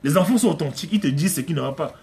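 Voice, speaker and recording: A man's voice: on the high side, lively intonation, very fast, creaky, darkish tone, slight background noise. A man preaching a conversational sermon at home, emphatic and repetitive, often acting out prayers and little dialogues. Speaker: pastor. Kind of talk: conversational live-streamed sermon.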